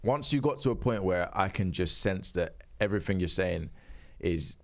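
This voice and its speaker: Young man, very low voice, steady opinionated chatter. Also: creaky. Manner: measured, opinionated. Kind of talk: casual chat.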